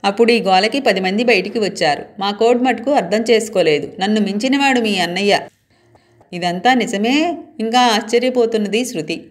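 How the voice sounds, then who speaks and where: A woman's voice: medium pitch, brisk. Woman reading a romance story aloud. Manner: voices the dialogue of both lovers in her own voice.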